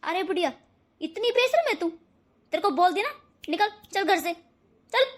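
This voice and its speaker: A sharp-tongued young wife from a cartoon, voiced by a woman. Her high voice is shrill and scolding, quick with sarcasm and threats. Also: lively intonation. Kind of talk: cartoon voice acting.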